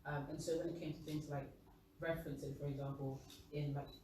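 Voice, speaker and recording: A man's voice: on the high side, level tone, brisk. A young man with a London accent speaking casually and discursively in a discussion. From East London, England. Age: young adult. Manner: rambling, discursive. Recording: very echoey room, distant mic, noisy.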